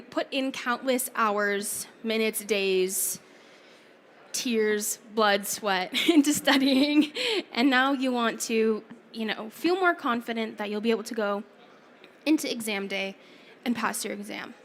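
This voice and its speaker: A woman's voice: fairly high pitch, a bit bright. A woman presenting a live conference talk on exam study, chatty and apologetic, who is losing her voice. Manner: chatty, laughs often, apologetic asides. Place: conference theater stage.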